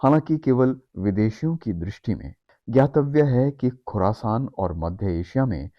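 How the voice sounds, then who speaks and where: A man narrating a scripted history explainer in a measured, steady read-aloud manner. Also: mid-range voice, no echo. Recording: dry, slightly dull studio voice-over.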